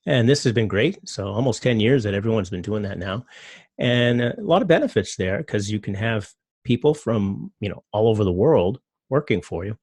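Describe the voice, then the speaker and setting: A middle-aged man talks through his slides in a loose, rambling way, with plenty of fillers. His voice sits low and carries a gravelly edge. The recording is dry and close, with no room sound. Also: lively intonation, normal speed, darkish tone, no echo. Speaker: presenter. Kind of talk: casual talk with slides.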